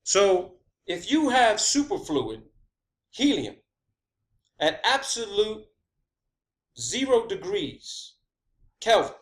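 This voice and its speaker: This man talks slowly in a high, sing-song voice, leaving long pauses as he explains his own theories in a casual video monologue. Emphatic and profane, he hammers points home through repetition and often drops in "okay" or "all right."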